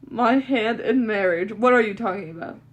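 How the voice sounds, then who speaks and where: A woman's voice: medium pitch, moderate pace, creaky, slightly rough, lo-fi sound. A woman voicing an indignant, outspoken young heiress heroine in a story game, dramatically read. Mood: defiant.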